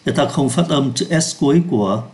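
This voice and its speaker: A man teaching French pronunciation in Vietnamese, slowing down to sound out French words. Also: medium pitch, lively intonation, darkish tone. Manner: slows down to pronounce French words. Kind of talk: lesson explaining pronunciation.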